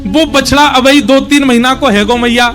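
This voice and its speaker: A man's voice: very high-pitched, normal speed, a bit bright, soft background music, pitched above the performer's own voice. A man voicing the playful, mischievous child Krishna in a Braj accent, with a pleading, childlike sing-song. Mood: sobbing complaint.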